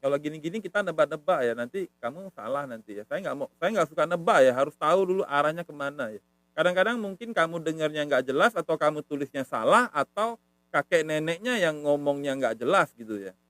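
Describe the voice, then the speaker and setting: Higher-voiced man teaching casually. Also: expressive, fairly quick, a bit bright, dry recording. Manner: repetitive, patient, says "ya" often. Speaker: language teacher. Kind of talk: casual live-stream lesson.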